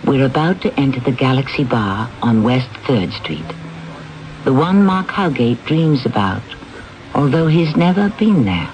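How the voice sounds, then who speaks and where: A man hosting a radio drama with scripted narration in a measured, wry storytelling manner. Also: medium pitch, big pitch swings, darkish tone, dull audio. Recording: noisy old radio recording.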